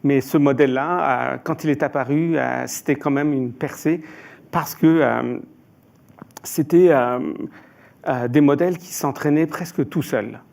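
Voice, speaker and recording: A man's voice: mid-range voice, measured pace, gravelly, a little mellow. A man from Iran answering as an expert panelist, hesitant, with frequent filler sounds and restarts.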